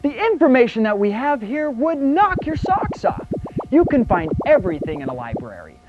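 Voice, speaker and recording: An actor playing a flamboyant carnival barker who presents information in showy announcer patter. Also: male voice, very high-pitched, very animated, moderate pace, lo-fi sound, music in the background. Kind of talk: scripted educational film.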